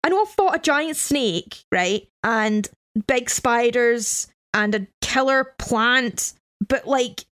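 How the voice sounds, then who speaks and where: A woman co-hosting a podcast in casual chat, high-voiced and animated, with a sarcastic edge. Her voice is dry and close-miked, with no room sound. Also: slow, dry recording. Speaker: podcast co-host.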